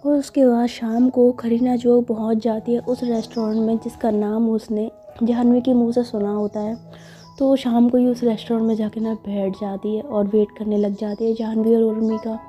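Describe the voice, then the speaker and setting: A woman's voice: on the high side, level tone, moderate pace, mellow. A woman narrating a story casually and chattily, with frequent fillers. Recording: slightly dull with faint music.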